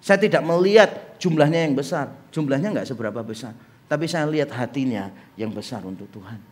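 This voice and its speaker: A man's voice: mid-range voice, fairly quick. A middle-aged man preaching a sermon as pastor, acting out little dialogues and joking with the congregation. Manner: animated, acts out dialogue and jokes with congregation. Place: church hall.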